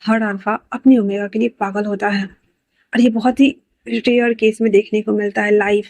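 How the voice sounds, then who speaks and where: A woman doing a calm, protective man. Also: moderate pace, no echo, natural voice. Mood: soothing. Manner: soft, low-key reassurance. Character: calm protective older-brother man, steady and soothing.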